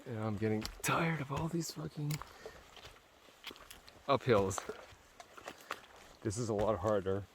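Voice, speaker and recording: A man's voice: fairly low pitch, lively intonation, slow, long pauses, a little hiss or hum. A tired, sore man talking casually to his camera on a forest hiking trail, rambling with fillers and swearing. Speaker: vlogger on a solo hike. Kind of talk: casual hiking vlog narration.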